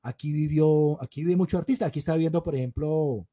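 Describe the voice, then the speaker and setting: Host, male, Caleño accent, chatty, mellow tone, slightly high. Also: fast. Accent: Caleño Colombian Spanish. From Colombia. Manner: chatty, mimics regional sayings. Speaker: podcast host. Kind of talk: casual chat.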